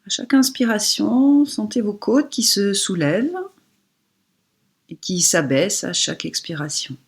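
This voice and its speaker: A woman yoga instructor leads a relaxation meditation, her soft, breathy, medium-pitched voice giving soothing instructions at an unhurried pace with pauses.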